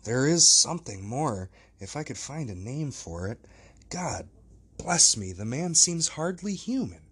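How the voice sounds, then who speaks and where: A man's voice: mid-range voice, big pitch swings, a little slow, fairly bright tone, breathy edge, pitched above the performer's own voice, exaggerated voice. Man voicing an earnest perplexed old lawyer. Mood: troubled. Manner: raised, earnest, emphatic delivery. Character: perplexed older male lawyer, earnest gentleman.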